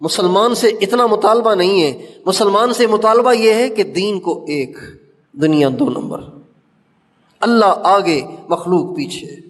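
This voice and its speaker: Impassioned Urdu preacher in a reverberant hall. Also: male voice, high voice. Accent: Pakistani Urdu. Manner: impassioned storytelling, rising to emphatic questions and chanting Quranic verses. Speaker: Islamic preacher. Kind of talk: sermon. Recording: long reverb of a large hall.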